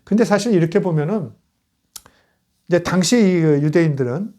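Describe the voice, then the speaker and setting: A man lectures on history in a relaxed, conversational way. He often asks the listener rhetorical questions and retells old texts in plain, casual speech. His voice sits a little high but sounds warm and mellow. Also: moderate pace.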